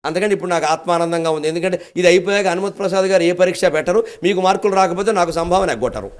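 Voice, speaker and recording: A man's voice: high-pitched, rapid-fire. An older man with a Telugu accent delivering a devotional discourse, telling the epic with humorous asides and acted-out quotes. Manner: animated storytelling, acting out quotes, humorous asides. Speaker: spiritual discourse speaker.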